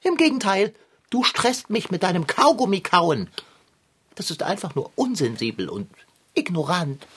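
A woman voicing a fussy, dramatic, self-pitying male tomcat in a children's audio drama, with a husky, theatrical way of complaining. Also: lowish voice, sing-song, normal speed, fairly bright tone, exaggerated voice.

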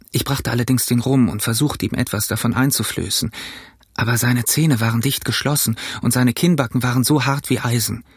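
A man narrates an audiobook with steady, measured storytelling. His voice is mid-pitched and husky, recorded dry and close with no room sound. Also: dry recording. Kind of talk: audiobook reading.

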